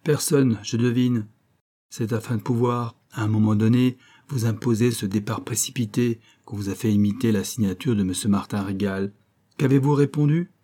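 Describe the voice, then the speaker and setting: A man's voice: on the low side, steady tone, normal speed, warm tone, natural voice. A man voicing a resolute, scheming young painter who speaks firmly and urgently, in an audiobook. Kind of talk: audiobook character voice.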